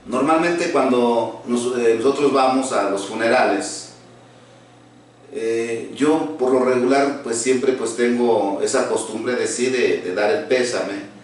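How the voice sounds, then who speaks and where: Pastor preaching in a very echoey room. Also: male voice, medium pitch, recorded from a distance, a little hiss or hum. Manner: halting, earnest, many restarts and fillers. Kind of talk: sermon.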